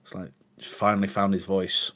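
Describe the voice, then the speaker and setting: A man's voice: sits low, little pitch movement, a little fast, fairly bright tone. A man hosting a reaction video, talking casually and emotionally, sighing, swearing and searching for words.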